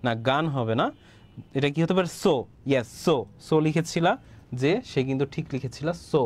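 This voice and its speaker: A man with a Bangladeshi accent leads a live online English lesson, speaking a little higher than most men. He reads out student answers in an encouraging way, repeats each word and keeps checking that the class is following. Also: brisk, darkish tone. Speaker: English teacher.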